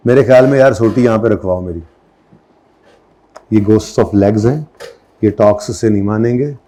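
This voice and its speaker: Speaking unhurriedly in a fairly low, mellow voice, a middle-aged man lectures on accountancy, blending English vocabulary into Urdu and quizzing students to check understanding. A little hiss or hum is audible.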